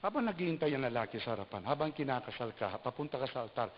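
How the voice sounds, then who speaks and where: A male bishop preaching an animated sermon, switching between Tagalog and English and acting out quoted people in high, mocking voices. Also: rapid-fire. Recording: hissy dull recording with long hall reverb.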